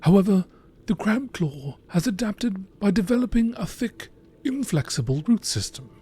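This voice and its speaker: With a high pitch that swings widely, a man reads game lore entries in nature documentary fashion at a moderate pace, his tone warm. The recording has obvious ambient noise in the background.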